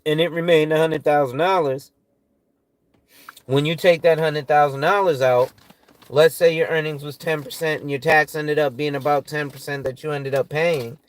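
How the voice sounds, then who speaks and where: A tired man in his forties, a financial advisor talking loosely and profanely through money tips, often checking in with "right?". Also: on the high side. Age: 40s. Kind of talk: casual talk reading through financial tips.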